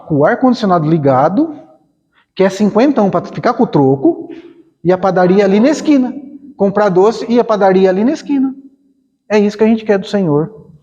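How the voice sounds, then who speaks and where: A Brazilian man with a fairly high yet mellow voice gives a conversational spiritist lecture, slipping into short acted-out exchanges and questions to the room. His voice rings with a long reverb, and the recording sounds dull and lo-fi. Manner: conversational, acts out little dialogues, asks the audience questions. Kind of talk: informal spiritist talk. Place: spiritist center hall.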